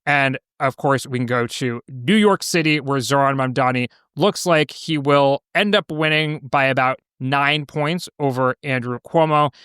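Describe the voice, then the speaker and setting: A man's voice: mid-range voice, unhurried, few pauses, a bit bright, clean tone, no echo, clean studio sound. An American man in his thirties hosting a podcast with casual, conversational political commentary. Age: 30s. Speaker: podcast host.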